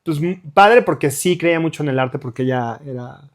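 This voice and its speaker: The speaker, a guest musician and middle-aged Mexico City native with a Mexican Spanish accent, talks in a slightly high voice at a fairly quick clip. He rambles casually through the interview, restarting sentences and leaning on fillers.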